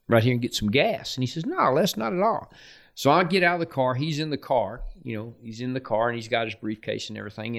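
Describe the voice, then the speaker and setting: A middle-aged man, a football coach, tells a story in a relaxed, chatty way. He slips into the voices of the people in it as he goes, laughing along with his own tale. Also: mid-range voice. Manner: lively anecdote, acts out quoted voices with laughter. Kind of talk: casual storytelling.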